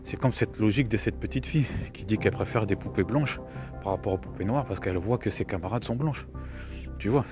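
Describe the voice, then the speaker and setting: A video commentator, a middle-aged man who has a cold, rambles through scornful, opinionated reactions, frequently saying the same words twice. His voice sits on the low side and moves a little fast, with music playing behind him.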